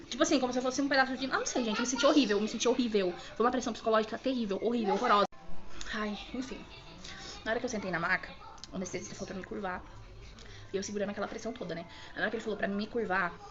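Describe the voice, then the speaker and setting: A young woman from Brazil telling an emotional personal story, fast and full of restarts. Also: on the high side, a bit bright, muffled recording. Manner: rapid, emotional, many fillers and restarts. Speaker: vlogger telling her birth story.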